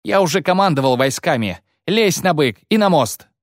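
A man's voice: fairly high pitch, lively intonation, normal speed, no room sound, clean studio sound, pitched above the performer's own voice. A man voicing a grim, battle-hardened male commander who bellows orders and curses. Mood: urgent.

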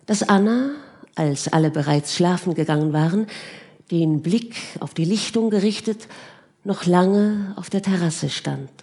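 A woman narrating a novel as an audiobook in a calm, measured way. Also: on the low side. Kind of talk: scripted narration.

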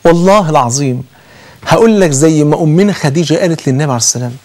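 A man with an Egyptian accent giving a conversational sermon, telling stories in an animated way and swearing oaths often. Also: a little high, very fast. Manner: animated storytelling with frequent oaths. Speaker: preacher.

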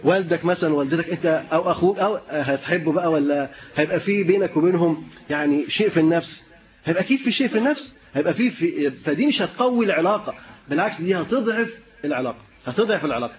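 A man's voice: fairly high pitch, racing, highs cut off. A man with an Egyptian Arabic accent teaching an interactive lesson, questioning the audience and chuckling often. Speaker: preacher teaching a class.

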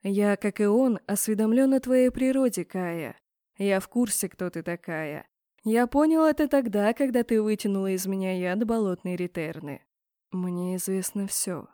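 A woman voicing a brooding, possessive male mage rector who murmurs slowly and huskily. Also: medium pitch, no room sound, clean studio sound, lightly acted. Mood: hushed, possessive. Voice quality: husky. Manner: slow hushed murmur.

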